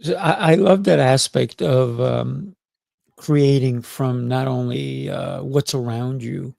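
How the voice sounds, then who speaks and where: A middle-aged man with a creaky, medium-pitched voice takes it slowly as he hosts a conversational podcast interview. Warm and chatty, he encourages with lots of affirmations, and the studio-quality sound has no room tone.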